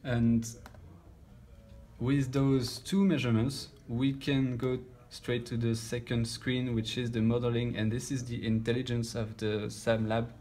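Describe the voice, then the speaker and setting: A thirtysomething audio engineer hesitantly explains a measurement process in a loose, informal way, often hunting for the right word. He speaks at a medium pitch in a level, slightly slow and slightly mellow voice. The recording, made in a loudspeaker-equipped listening room, is echoey with room noise.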